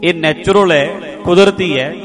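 Man preaching slowly over music. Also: sits high. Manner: slow, explanatory teaching with rhythmic chanting. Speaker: Sikh preacher. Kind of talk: sermon. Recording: music clearly behind the voice. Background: instrumental music.

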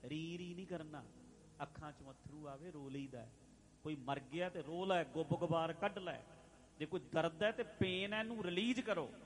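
A man preaching a religious sermon, addressing listeners directly, repeating phrases and chanting scripture lines slowly. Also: fairly high pitch. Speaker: Sikh preacher.

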